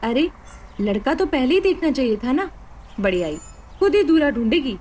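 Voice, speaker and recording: Blunt auntie type, high but mellow. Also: female voice, sing-song, moderate pace, slight background noise.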